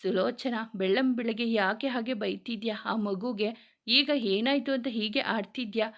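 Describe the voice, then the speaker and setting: A woman's voice: fairly high pitch, a little slow, a bit bright. Give me a woman playing an indulgent, soothing father in a read-aloud story. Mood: defensive. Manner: soothing, indulgent toward daughter. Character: doting indulgent father, middle-aged man.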